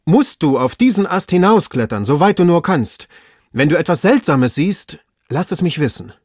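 A man reading aloud, voicing an excitable gentleman shouting urgent orders up a tree. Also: a little high, moderate pace, husky, no echo, clean studio sound, pitched above the performer's own voice. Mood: agitated. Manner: loud, urgent commands. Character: excitable gentleman treasure hunter, man, agitated. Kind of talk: audiobook reading.

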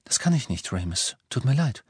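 A man's voice: medium pitch, big pitch swings, moderate pace, a little mellow, breathy edge, no echo, voice pushed up. A man voicing a determined, blunt teenage boy wizard in an audiobook, speaking firmly and accusingly.

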